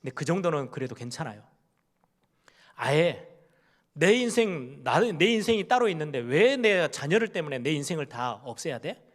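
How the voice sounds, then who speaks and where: A middle-aged pastor delivers his sermon in a relaxed, conversational way, his voice sitting a little high for a man. He puts questions to the congregation and slips into the voices of parents and children as he quotes them. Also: normal speed.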